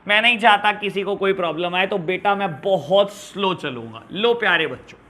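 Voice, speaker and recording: A man teaching an online accounts class, talking to his students in a fatherly way and repeating key terms as his voice swings between loud and soft. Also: high voice, normal speed, a little hiss or hum. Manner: fatherly, calls students beta and pyare bachhon.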